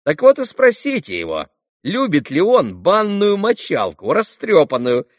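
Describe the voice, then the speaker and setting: A man's voice: high-pitched, wildly swooping pitch, a little slow, no echo, studio quality, pitched above the performer's own voice, full character voice. A man reading an audiobook and voicing an eager older schoolboy who taunts and urges. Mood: taunting. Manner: taunting, urgent.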